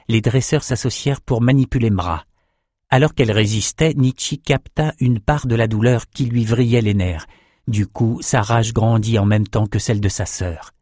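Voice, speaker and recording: A man narrating a fantasy audiobook in a steady, measured way. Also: medium pitch, no room sound, studio quality.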